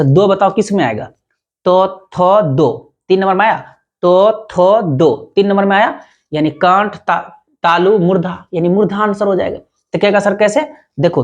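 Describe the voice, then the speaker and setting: A man's voice: sits high, highs cut off. A man teaching a grammar lesson, reciting lists of terms and asking rhetorical questions. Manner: repetitive, drills terms aloud with rhetorical questions.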